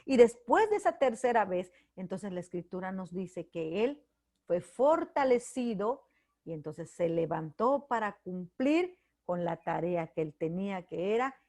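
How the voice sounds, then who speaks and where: A woman's voice: medium pitch, big pitch swings, measured pace, darkish tone. A middle-aged woman giving a heartfelt devotional sermon, sharing personal testimony in an earnest way. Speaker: preacher.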